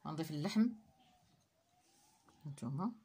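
A woman's voice: sits low, lively intonation, normal speed, dark tone, breathy edge. A woman with a Moroccan Arabic accent talks viewers through a recipe step by step in short phrases while she works. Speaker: cooking channel host. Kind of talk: step-by-step cooking demonstration.

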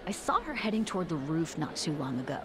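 A woman's voice: low voice, very animated, quick pace, background noise. An actress playing a helpful, polite young female café worker in a video game dub. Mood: helpful, sympathetic. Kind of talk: English game dub acting.

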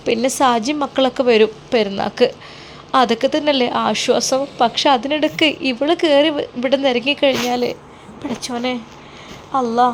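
A woman's voice: high voice, slight background noise. A woman voicing an anxious, pious older mother who speaks in fretful, pleading tones.

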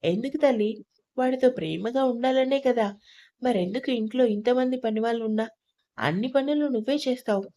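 A woman reading an audio story, voicing a kindly middle-aged mother-in-law who talks softly and affectionately and gently scolds. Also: a little high, fairly quick, close to an everyday voice. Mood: gently scolding.

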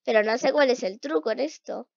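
High-pitched girl playing a game, yelps and mutters, gravelly voice, dull dry lo-fi sound. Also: brisk, no room sound. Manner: excitable, shrieks at failures, mutters while playing. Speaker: gaming youtuber. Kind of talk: casual let's-play commentary.

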